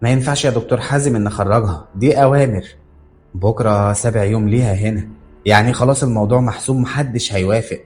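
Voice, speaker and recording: A cold, bullying woman nurse with an Egyptian accent, as a male narrator puts her on barks out orders in a raised, harsh voice. The delivery is quick, over faint music, like an audio horror story. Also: on the low side, a little mellow, close to an everyday voice. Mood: harsh commanding. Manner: harsh, mocking, commanding.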